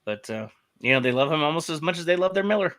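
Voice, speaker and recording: A man's voice: a little high, expressive, fast talker, a bit bright. A man co-hosting a casual sports podcast, trading dry, wry jokes. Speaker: podcast co-host.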